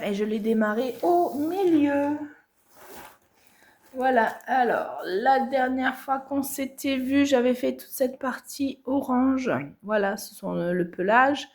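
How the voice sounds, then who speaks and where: A woman casually showing her cross-stitch projects at home, talking in a rambling way with many hesitations. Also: a little high. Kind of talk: casual show-and-tell chat. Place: home, washing machine spinning nearby.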